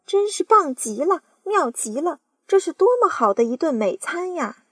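A woman voicing a fat, greedy aunt who yells loudly in a storybook reading. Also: extremely high pitch, very animated, moderate pace, no room sound, clean studio sound, voice pushed up, exaggerated voice. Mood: gleeful. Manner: loud, yelling.

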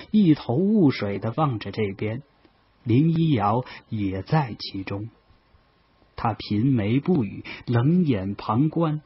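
A man calmly narrating a novel in the first person. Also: mid-range voice, breathy edge. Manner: calm, measured storytelling. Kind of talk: audiobook narration. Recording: dull lo-fi audio.

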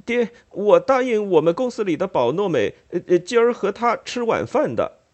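A man reading an audiobook, voicing a plump, bashful young dandy who stammers in a high, flustered voice. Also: sing-song, normal speed.

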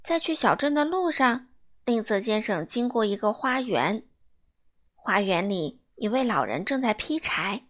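A woman reading a children's story aloud in a playful, lively way. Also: on the high side, a little slow. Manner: lively, playful, asks listeners.

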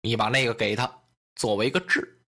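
A man voicing a cheerful, shrewd middle-aged strategist who gives relaxed, knowing advice. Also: mid-range voice, normal speed, voice pushed down. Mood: scheming.

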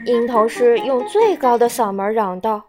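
A woman storyteller reading a children's storybook aloud in a gentle, expressive way, with soft music behind. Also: fairly high pitch, moderate pace.

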